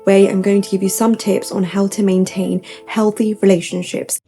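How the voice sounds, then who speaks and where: A woman's voice: medium pitch, little pitch movement, normal speed, mellow, soft background music. A young woman giving upbeat, tidy self-help advice to camera, point by point, with gushing emphasis and repetition.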